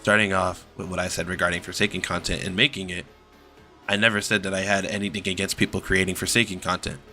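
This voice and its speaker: Young man, low pitch, bright forward tone, somber scripted apology, serious measured reading, faint music behind. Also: flat delivery. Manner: serious, measured, stumbles over read words. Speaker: online content creator.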